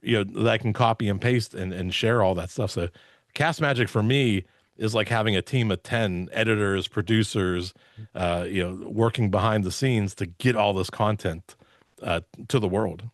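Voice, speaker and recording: Here a podcast guest who owns a podcast theater lays things out in a casual, enthusiastic way, hitting points with punchy emphasis. He talks at a moderate pace in a voice on the low side, over a video call using a close, dry mic that yields clean, echo-free studio sound.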